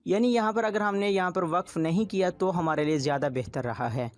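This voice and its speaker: High-voiced man patiently teaching. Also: a little fast. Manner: patient, repetitive explaining. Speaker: Quran recitation teacher. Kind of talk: step-by-step tutorial explanation.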